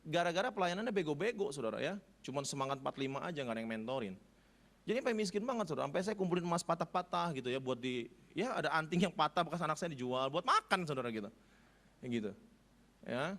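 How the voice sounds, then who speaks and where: A middle-aged male pastor telling a personal story in a sermon, animated and joking, his voice climbing high when moved. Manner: animated, humorous, rising high when emotional. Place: church service.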